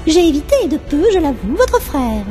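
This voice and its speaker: A woman's voice: sits high, sing-song, normal speed, dark tone, faint music behind. A woman playing a polite, precise young sorceress, speaking formally and primly in a rhyming comic fantasy audio drama. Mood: quietly pleased. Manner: prim, formal.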